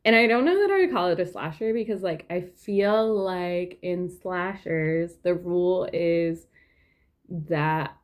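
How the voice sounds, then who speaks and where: A woman's voice: on the low side, expressive, unhurried. A young woman chatting casually at home while knitting, rambling with lots of fillers. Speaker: knitting vlogger. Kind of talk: casual chat.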